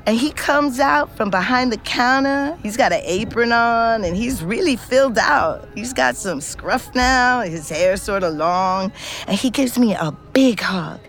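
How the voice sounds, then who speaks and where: A woman with a slightly high, fairly bright voice and lively intonation narrates and plays the lead in a scripted fiction podcast. She voices a streetwise, weary ex-convict who is frank and wistful, confiding in intimate first-person audio drama narration. Her delivery is conversational and halting, laced with profane slang.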